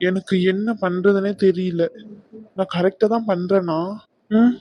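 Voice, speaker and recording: A woman's voice: medium pitch, steady tone, measured pace, dark tone, dry recording, close to an everyday voice. A woman voicing a troubled young man in a cartoon, anxious and apologetic. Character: troubled young man torn between mother and love. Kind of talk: cartoon voice acting.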